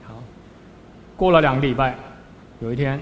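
Speaking at a moderate pace in a mid-range voice, a male Buddhist monk gives a storytelling sermon, his voice jumping and dropping as he plays out scenes. The hall adds long reverb, with faint noise in the background.

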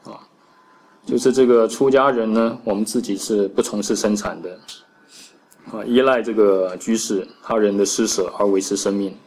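A low-voiced Buddhist monk, teaching scripture line by line. He chants each passage slowly and fills his plain explanations with drawn-out "ah"s. Faint room ambience hums underneath. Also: fairly even intonation, darkish tone, slight background noise, low-quality recording. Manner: recites each passage slowly, then explains it with frequent "ah" fillers. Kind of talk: Dharma lecture explaining a text line by line.

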